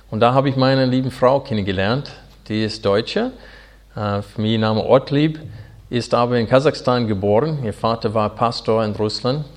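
American-accented male pastor, forties, English native speaker, earnest and halting, lower-pitched voice, preaching a sermon. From Arkansas, USA. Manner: earnest, halting German with fillers.

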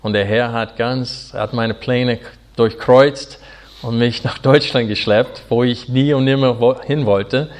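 A pastor in his forties from Arkansas, with an American accent and English as his first language, preaching in earnest, halting German full of fillers. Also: mid-range voice, steady tone. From Arkansas, USA. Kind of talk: sermon.

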